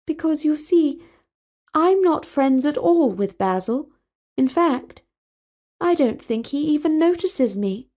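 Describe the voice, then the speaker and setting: Woman playing high-voiced, earnest young princess. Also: expressive, takes it slowly, dark tone. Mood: wistful. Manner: formal, intense, precise wording.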